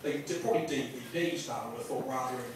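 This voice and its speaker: An English-accented stand-up comedian with a mid-range voice rambles and swears through his set in a small pub comedy venue, halting and repeating himself as he drifts off on tangents before a live crowd. The recording is roomy, noisy and distant, with audience laughter and room noise around him.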